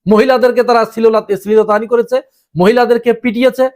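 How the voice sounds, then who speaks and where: A political commentator with an extremely high, slightly mellow voice talks fast in a steady tone. He delivers an emphatic monologue of opinion on current events, throwing rhetorical questions at the audience.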